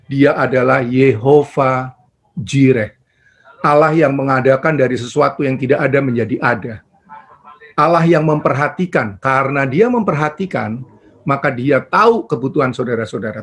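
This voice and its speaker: A man preaching a sermon as pastor, emphatic, repeating his address to the congregation and mixing English words into his speech. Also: vocal fry. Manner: drops in pitch and volume at phrase ends, rising loud on key points.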